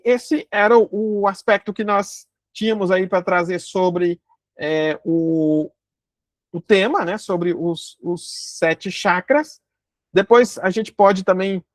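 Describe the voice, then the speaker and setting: A woman giving a calm spoken lesson, explaining step by step with frequent fillers and restarts. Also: on the low side, no room sound. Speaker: instructor.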